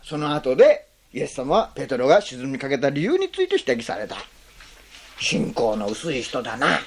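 Sermon, pastor, hugely animated pitch, rhetorical questions to the congregation, slows on key words then rushes through explanations. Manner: frequent tag "ne" between phrases; slows on key phrases, speeds up when explaining.

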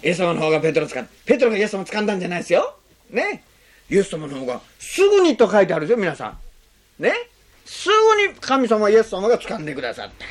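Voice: medium pitch, huge pitch swings. A pastor preaching a sermon, asking the congregation questions and adding frequent tag words between phrases. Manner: slows on key phrases, speeds up when explaining.

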